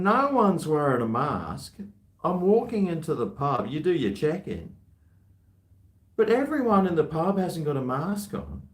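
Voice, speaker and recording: An Australian man filming a casual vlog at home on a handheld camera, rambling and muttering to himself. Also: on the high side. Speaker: vlogger. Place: at home, large empty house.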